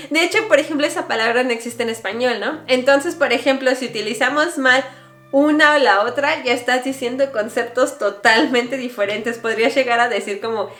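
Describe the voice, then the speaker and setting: A woman's voice: sits high, normal speed, fairly bright tone. Chatty Mexican woman in a roomy room. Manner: chatty, explains with many examples and asides. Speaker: vlogger. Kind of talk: casual explainer vlog. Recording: roomy echo, faint music behind.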